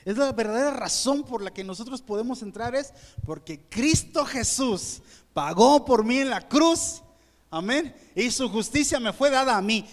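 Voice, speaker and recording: Man, Mexican accent, pastor, conversational sermon, high-pitched, long church-hall reverb. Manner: conversational preaching, asks the congregation for agreement. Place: church auditorium.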